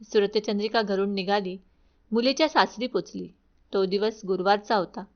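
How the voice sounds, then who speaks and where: A woman storyteller who narrates a devotional tale in a steady, formal way. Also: medium pitch, normal speed. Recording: dull lo-fi recording.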